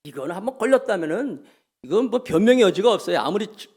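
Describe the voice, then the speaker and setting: A man's voice: sits high, very animated, quick pace, darkish tone, slightly rough. A middle-aged man preaching a sermon as pastor, acting out the lines of biblical characters in dramatic voices and leading the congregation in reading scripture aloud.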